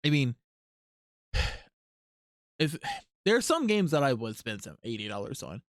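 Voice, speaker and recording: A man's voice: mid-range voice, big pitch swings, takes it slowly, no echo. Dry-sounding man chatting on a stream. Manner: rambling, thinking aloud with many ums and likes. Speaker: artist streaming live. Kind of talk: casual live-stream chat.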